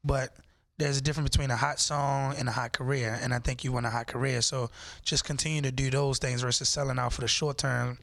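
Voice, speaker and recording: A man's voice: medium pitch, flat delivery, fairly quick, vocal fry, a bit bright. A man co-hosting a casual podcast, laid back and teasing, often saying "you know what I'm saying.". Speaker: podcast co-host. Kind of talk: casual chat.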